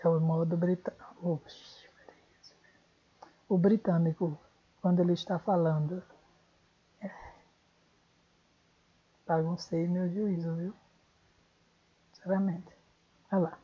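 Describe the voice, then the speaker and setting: A woman's voice: fairly low pitch, little pitch movement, moderate pace, long pauses, slightly rough. A woman with a Brazilian Portuguese accent teaching an online English lesson, thinking aloud and correcting herself as she goes. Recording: dull lo-fi recording.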